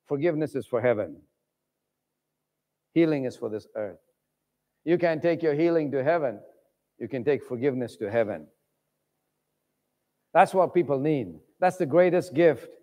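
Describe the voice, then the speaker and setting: A man preaching a passionate sermon, swinging between loud calls and hushed pleading. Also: medium pitch, expressive, normal speed, pauses often, in a large hall. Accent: British. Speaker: pastor. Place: church hall.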